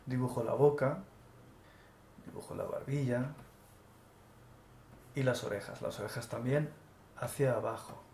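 A man narrates a drawing tutorial step by step, describing each stroke as he makes it. His voice has a gravelly edge at a middle pitch. The recording sounds roomy and echoey, with a faint hiss behind it. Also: unhurried, long pauses. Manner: calm step-by-step, narrating actions as he draws. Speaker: animation tutor. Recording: echoey room with faint noise.

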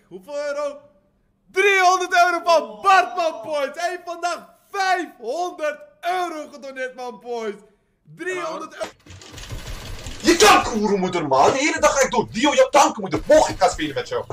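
A young man live-streaming a game, who bursts into shouted, raging streams of swearing. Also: extremely high pitch, sing-song, normal speed, pauses often. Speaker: livestreamer. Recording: distant mic with noisy background.

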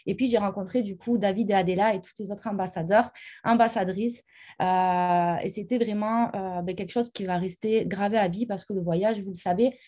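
A woman's voice: medium pitch, fairly even intonation, moderate pace, warm tone. A young woman from France giving a personal testimony, talking with lots of hesitant fillers. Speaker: company ambassador. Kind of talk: personal testimony on a live show.

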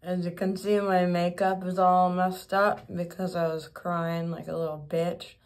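A woman's voice: fairly low pitch, little pitch movement, a little slow. Woman talking through new dentures. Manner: frank, profane, frustrated complaining. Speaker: vlogger. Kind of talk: casual vlog.

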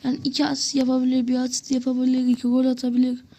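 Excitable woman gamer, high mellow voice, talks to viewers while playing, groans and swears at misses. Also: racing. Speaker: gameplay commentator. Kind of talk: casual gameplay commentary to viewers.

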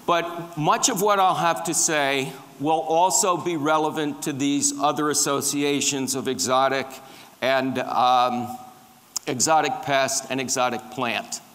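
A man's voice: mid-range voice, fairly even intonation, unhurried, fairly bright tone. A middle-aged man giving a conference lecture with slides, quizzing the audience as he goes. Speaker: conference speaker on tree pests. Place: large dark conference hall with a stage. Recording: reverberant conference hall.

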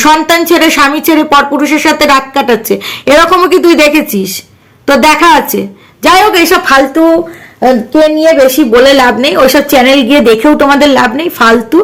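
A woman's voice: extremely high pitch, a bit bright. A woman vlogger talking casually to her viewers, scolding and mocking a rival in a sarcastic, direct way. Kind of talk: casual ranting vlog.

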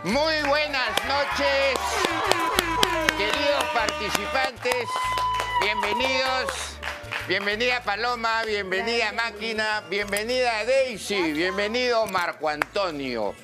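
High, silly clown-voiced show host. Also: male voice. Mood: showy, jovial. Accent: Peruvian Spanish. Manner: exclaiming, drawn-out showman announcing. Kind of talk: parody game show presenting. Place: TV studio kitchen set. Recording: loud music behind the voice.

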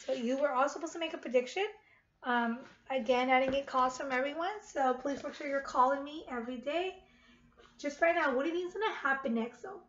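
She sounds like a primary teacher reading aloud to young pupils, with a high-pitched, brisk, fairly bright voice. She repeats her questions and addresses the children as friends. It's recorded indoors in a living room on a webcam at about arm's length, so the audio is muffled and dull with clear noise.

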